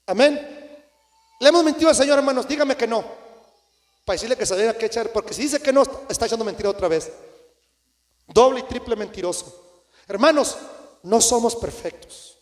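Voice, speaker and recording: High-pitched impassioned preacher man, echoey church. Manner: impassioned, swings between shouts and low asides, addresses "hermanos" often. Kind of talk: Pentecostal sermon. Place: church sanctuary.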